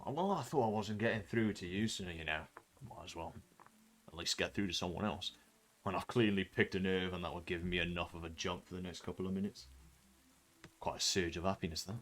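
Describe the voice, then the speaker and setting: A gleeful male killer in a tabletop game, taunting his captors with a very low, deep voice, as a game master puts him on. He sounds smug and relishes others' misery. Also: fairly quick, a bit bright, slight background noise.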